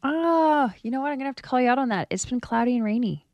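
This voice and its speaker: A woman's voice: sits high, animated, quick pace, a little mellow, no room sound, studio quality. A woman co-hosting a morning radio show with playful, teasing banter and quiz questions.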